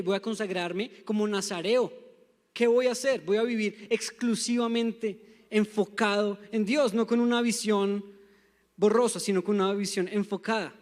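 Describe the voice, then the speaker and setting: A young man from Colombia with a Bogotá accent preaching a sermon, emphatic and calling on the congregation to repeat after him. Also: high voice. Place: church sanctuary. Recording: long church hall reverb.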